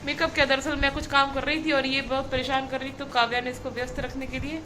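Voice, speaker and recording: A woman in her thirties chatting casually as a family vlogger, turning high and sing-song when talking to her toddler. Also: level tone, fast talker, background noise. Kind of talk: casual vlog narration.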